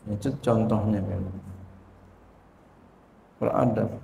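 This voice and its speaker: Gravelly man giving a religious lesson. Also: lowish voice, fairly even intonation, slow, warm tone. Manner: repetitive question-and-answer teaching. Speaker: Islamic teacher. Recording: echoey room with faint noise.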